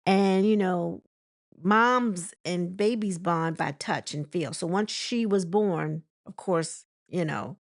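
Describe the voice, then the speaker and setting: A woman's voice: lowish voice, slow pace, no room sound, studio quality. Chatty woman rambling through celebrity gossip. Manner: rambling, filler-heavy with frequent restarts; chatty and conversational. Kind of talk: casual commentary.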